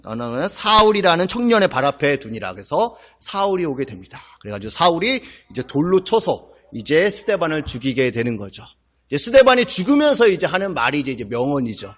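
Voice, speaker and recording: A man delivers a Sunday sermon in a church. His voice sits high and swings widely in pitch. He preaches emphatically, constantly throwing questions back at his listeners. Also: a little fast. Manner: asks the congregation questions, animated and emphatic. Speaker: pastor. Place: church sanctuary.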